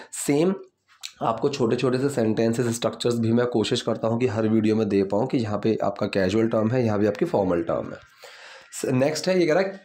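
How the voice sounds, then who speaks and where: A man who speaks Hindi as his first language, teaching English grammar step by step with an Indian English accent. He asks rhetorical questions, then answers them, and says his English examples slowly and carefully. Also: medium pitch, darkish tone.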